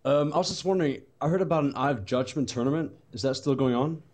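A man's voice: on the high side, fast talker, darkish tone. A man calling in with a casual question, heard over the phone line. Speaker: caller. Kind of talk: call-in question. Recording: distant phone-line sound.

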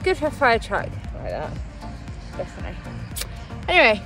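A woman's voice: fairly high pitch, wildly swooping pitch, normal speed, over music. A woman vlogging outdoors on a cold night, chatty and rambling, out of breath after running, on a handheld phone. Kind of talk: casual vlog while running.

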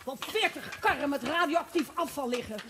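Woman acting a panicky woman mayor, bossy, flustered, high lively voice. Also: moderate pace, a crowd in the background, noisy background. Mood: panicked. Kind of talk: amateur stage play.

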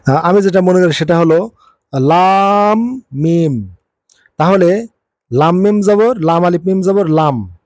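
A man teaching a religious lesson on Quran recitation, explaining slowly with frequent hesitations and drawn-out letter names. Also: fairly high pitch, a little mellow, no echo, clean studio sound. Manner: measured, hesitant explaining with many fillers, spelling out letters slowly. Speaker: Islamic teacher.

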